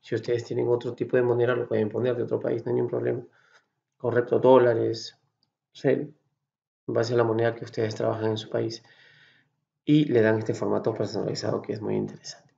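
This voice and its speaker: Man with a Peruvian accent, patient spreadsheet tutorial, gravelly mellow voice, dull lo-fi mic. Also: medium pitch, flat delivery, brisk. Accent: Peruvian Spanish. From Peru. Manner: patient, explains step by step, checks in with frequent "¿sí?" and "¿correcto?". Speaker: Excel course instructor. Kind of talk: screen-recorded software tutorial.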